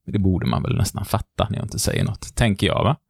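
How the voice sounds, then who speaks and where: A man tells stories in a relaxed podcast chat. He is a lecturer and acts out what people said in his stories. The sound is close and dry, with no room echo. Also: fairly low pitch, creaky, husky. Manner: lively storyteller who acts out the quotes. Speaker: lecturer on behaviour and body language. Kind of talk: casual podcast chat, storytelling.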